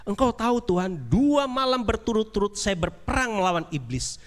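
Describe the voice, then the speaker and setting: A man's voice: very animated, normal speed, in a large hall. A man voicing a desperate wealthy man who pleads and complains indignantly while telling a story in a sermon. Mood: pleading. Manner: pleading, indignant, voice raised high.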